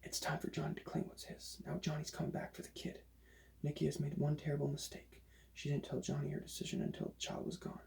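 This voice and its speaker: A man doing a whispered role-play as a librarian recommending books, in a hushed, breathy library whisper. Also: a little high, completely flat delivery, quick pace.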